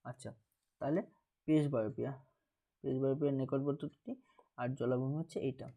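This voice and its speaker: Mellow-voiced Bengali teacher solving exam questions. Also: male voice, mid-range voice, steady tone, fast, gravelly. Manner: thinks aloud, repeats key terms, asks and answers own questions. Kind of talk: exam paper walkthrough lesson.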